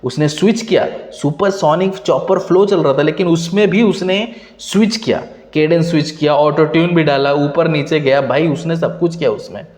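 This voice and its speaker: A man's voice: on the high side, moderate pace, hardly any pauses, a little mellow. Emphatic young man in an echoey room. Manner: emphatic, repeats "ठीक है?" to drive points. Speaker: hip hop reaction channel host. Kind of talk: opinionated commentary. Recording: echoey room, long reverb, dull lo-fi sound.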